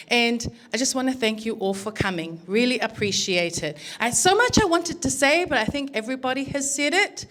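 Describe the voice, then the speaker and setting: A middle-aged woman with a New Zealand accent gives her son's wedding speech at a reception. Her voice is high and very animated, climbing and dropping as she plays out family conversations. She laughs her way through the stories. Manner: animated storyteller, acts out family dialogue, laughing often. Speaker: mother of the groom giving a wedding speech.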